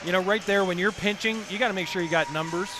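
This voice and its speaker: A man giving relaxed, chatty color commentary on a hockey game. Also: high-pitched, fast talker, noisy background.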